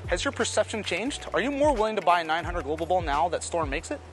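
A man in his thirties who reviews bowling balls gives relaxed running commentary in a large indoor bowling alley, talking through each shot and adjustment. His voice sits high and he talks fast.

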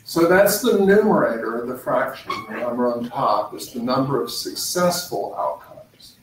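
A middle-aged man leads a math skills session in a campus learning center, explaining things step by step and filling pauses with "uh" and "um." He sounds set back from the microphone, and the room gives his voice a noticeable echo. A faint hum sits underneath. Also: medium pitch, expressive. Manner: unhurried, explaining step by step with frequent "uh" and "um" fillers. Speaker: math tutor. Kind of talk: live-streamed skills session lecture. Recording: roomy, mic at a distance, faint background hum.

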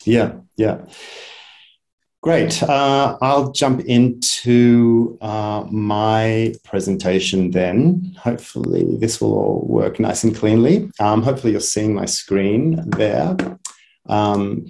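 Chatty low-voiced man with many ums. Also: a little mellow. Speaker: head of a media academy. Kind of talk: webinar presentation. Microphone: video call.

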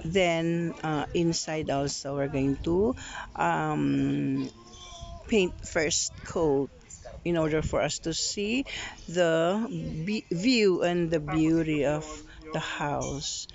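A woman giving a slow, casual tour of her house being renovated, recorded on a phone. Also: low-pitched, vocal fry, a little mellow. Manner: slow, plain narration with fillers, teasing the workers. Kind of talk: casual home tour vlog. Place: outdoors and inside a house under construction. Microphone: phone camera held by the speaker. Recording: dull phone audio, voices around.

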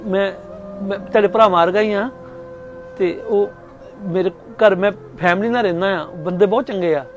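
A man acting a skit and speaking to viewers, halting and earnest. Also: high-pitched, dull audio, slight background noise. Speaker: skit creator and actor. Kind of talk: scripted skit and address to viewers.

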